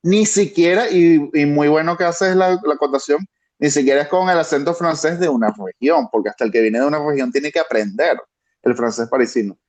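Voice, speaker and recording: A man's voice: a little high, fairly quick, a little mellow. A Venezuelan man with a Venezuelan Spanish accent, a guest analyst thinking aloud with frequent restarts over a video call. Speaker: guest, international security analyst. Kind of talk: conversational expert analysis.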